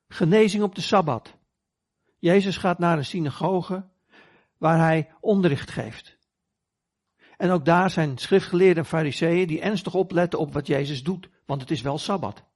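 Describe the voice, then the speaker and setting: A man preaches a sermon in an earnest storytelling manner, giving the quoted voices a little life. His voice sits a touch high and carries a slightly husky edge. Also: moderate pace, pauses often, a little mellow.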